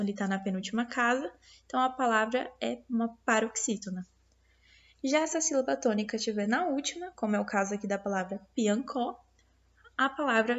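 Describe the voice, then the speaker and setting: A woman's voice: on the high side, muffled recording. A woman teacher with a Brazilian Portuguese accent, patiently explaining a lesson review to her pupils step by step, with many fillers and tag questions. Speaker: primary school teacher.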